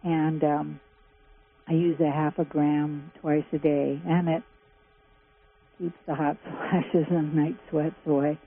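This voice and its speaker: A woman's voice: deep voice, flat delivery, takes it slowly. A woman in her seventies calling into a radio show, chatty and detailed. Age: 70s. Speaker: caller. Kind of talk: phone-in question. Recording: tinny phone line with faint hum.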